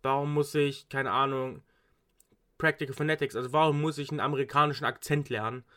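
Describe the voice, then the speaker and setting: A young male student chats casually in an everyday register, rambling loosely with frequent restarts and English slang. His mid-range voice is fairly bright, with brisk pacing and fairly even intonation.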